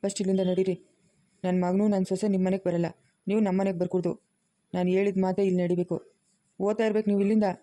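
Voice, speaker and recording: A man's voice: high-pitched, little pitch movement, fast talker, long pauses, mellow, lightly acted. An actor in a family web drama playing a domineering man who scornfully orders his relatives out. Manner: scornful and commanding, barking orders. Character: domineering, insulting rural man throwing relatives out. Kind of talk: village family drama acting.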